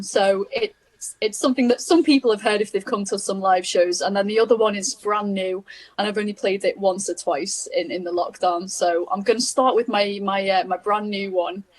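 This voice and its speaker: A woman with a Liverpool accent, a guest singer-songwriter on a video call, chatting in a meandering way and laughing easily. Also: mid-range voice. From England. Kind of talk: casual chat.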